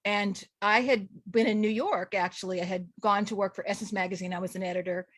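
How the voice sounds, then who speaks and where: A woman's voice: medium pitch, fairly even intonation, fairly quick, a bit bright. A middle-aged woman from Los Angeles, talking casually as a guest in a radio interview, chatty with many restarts and fillers.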